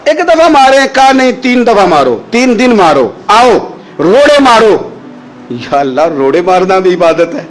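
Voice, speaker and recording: Impassioned high-voiced male preacher. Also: very animated, poor audio. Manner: impassioned storytelling, chants Quranic verses slowly. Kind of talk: sermon.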